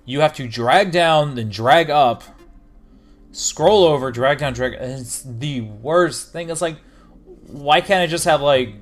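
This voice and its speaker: A man co-hosting a casual gaming podcast, talking in an animated way and jumping into quick quotes. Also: a little high, faint music behind. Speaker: podcast co-host.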